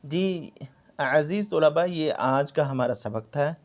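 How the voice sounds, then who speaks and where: A man teaching Quran recitation, drawing out syllables slowly to demonstrate and repeating words over and over, then explaining at a brisk pace. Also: on the high side. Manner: repeats words again and again for practice. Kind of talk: tajweed lesson, explaining and demonstrating.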